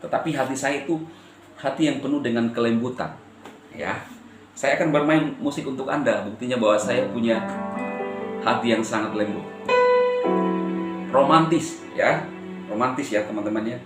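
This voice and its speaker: A man from eastern Indonesia addressing his viewers as a channel host, with a firm intonation that can sound stern even when he is calm. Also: mid-range voice, a little fast, pauses often, reverberant, over music. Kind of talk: direct-to-camera address to viewers.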